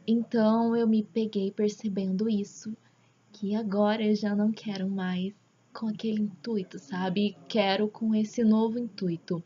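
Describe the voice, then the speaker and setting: A woman with a Brazilian accent gives a casual, earnest religious testimony at home, often dropping into a hushed near-whisper. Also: mid-range voice, level tone, a little slow. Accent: Brazilian Portuguese. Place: at home, father talking in the background. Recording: dull lo-fi home recording with faint background noise.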